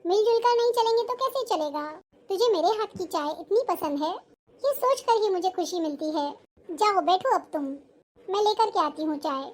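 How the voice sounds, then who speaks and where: An actress playing a patient, hardworking elder sister-in-law who often grumbles to herself, in a family drama. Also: female voice, very high-pitched, lively intonation, normal speed. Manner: fussing, complaining to herself. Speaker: actor.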